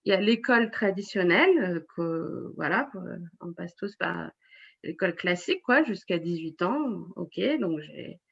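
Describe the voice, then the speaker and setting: A woman's voice: on the low side, expressive, normal speed, gravelly, a bit bright, husky, highs cut off. A woman in her forties, a web writer and blogger, talking in an interview with many fillers and restarts. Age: 40s. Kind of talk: casual interview.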